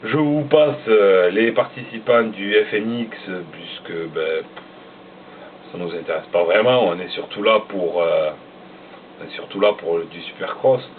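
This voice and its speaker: A man's voice: lowish voice, expressive, unhurried, recorded from a distance, slight background noise. A man, casually reading out a list of riders, tripping over names and joking about it. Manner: stumbles over names, self-mocking. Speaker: motocross vlogger. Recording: tinny phone-like sound from away from the mic.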